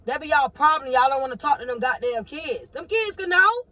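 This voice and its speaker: A woman vlogger ranting to her viewers on her phone. She is animated and swings between loud outbursts and low muttering. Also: brisk, no echo. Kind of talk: heated casual rant to camera.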